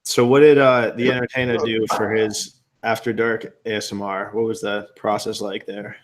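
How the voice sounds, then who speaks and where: A man's voice: fairly low pitch, level tone, normal speed, crowd noise. A man hosting a casual live-stream hangout, teasing his guests in a dry way and laughing often.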